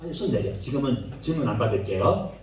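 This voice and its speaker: A man's voice: medium pitch, expressive, fast talker, a little mellow, slight background noise. A man giving a playful children's sermon, telling the story with acted-out voices and questions for the kids. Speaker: children's ministry preacher. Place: church worship room. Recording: very echoey room, mic far off.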